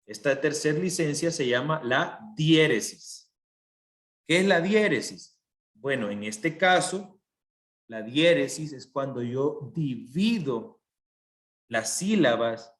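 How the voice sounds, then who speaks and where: A male teacher giving an online language lesson, explaining step by step and often checking that his students follow. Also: fairly high pitch. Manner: patient, explains step by step with frequent checks for understanding. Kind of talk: online class lecture.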